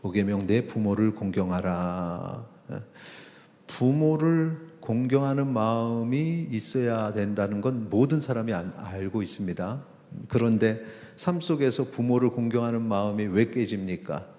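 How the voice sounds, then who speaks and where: A man, a pastor, preaching a sermon in a conversational way, with pauses and acted-out quotes. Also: lowish voice, warm tone. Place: church sanctuary. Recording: long reverb of a church hall.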